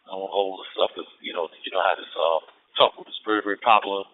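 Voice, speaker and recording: Brief: deep-voiced ham operator heard over a tinny radio link, faint static, rambling. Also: male voice, fairly even intonation, quick pace. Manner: rambling, fillers, call-sign procedure. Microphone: wireless headset. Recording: tinny narrow radio audio with faint noise.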